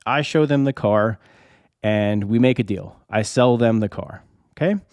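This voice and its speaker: In a lowish, slightly mellow voice, a man who's a bit unwell talks unhurriedly as host of his channel, recorded at studio quality without room sound. His casual explainer to camera is chatty and repetitive, building a lengthy hypothetical with rhetorical questions.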